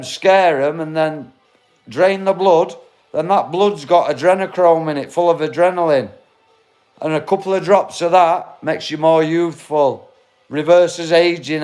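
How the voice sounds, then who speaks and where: This livestream host in his forties has a fairly high voice with a darkish tone and a slightly slow delivery, recorded on a phone. He's casual and blunt, swears freely, and keeps calling people mate and bro.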